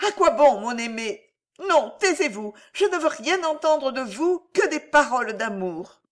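A woman's voice: sits high, lively intonation, takes it slowly, pitched above the performer's own voice. A woman voicing a frightened young woman in love, pleading and breathless, in an audiobook reading. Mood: pleading panicked. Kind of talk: audiobook character voice.

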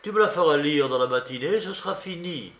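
Feverish young man, loud and insistent, roomy echo, a male narrator doing the voice. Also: fairly high pitch, lively intonation, a little fast. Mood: agitated. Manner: urgent and commanding. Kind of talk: audiobook character reading. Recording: roomy recording.

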